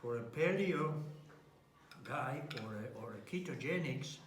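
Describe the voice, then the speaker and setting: A man's voice: medium pitch, expressive, measured pace, recorded from a distance. A man giving a casual cooking demonstration in a home kitchen, chatty and eating as he talks. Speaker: home cook. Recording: very echoey room, faint noise.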